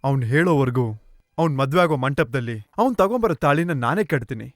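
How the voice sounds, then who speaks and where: An actor dubbing a resolute young hero in a film. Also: male voice, a little high, big pitch swings, fast talker, dry recording, clean studio sound. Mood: defiant. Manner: resolute, reassuring. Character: defiant young male hero.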